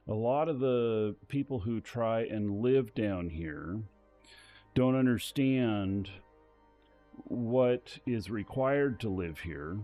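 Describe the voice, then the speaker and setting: A man casually commentating a game live stream, thinking aloud in a relaxed way. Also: mid-range voice.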